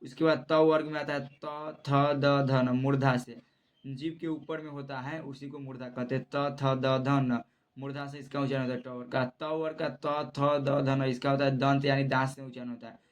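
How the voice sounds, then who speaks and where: A man's voice: medium pitch, level tone, moderate pace. A man teaching a Hindi grammar lesson for exam students, saying each definition twice and reading the letters out one by one. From Bihar, India.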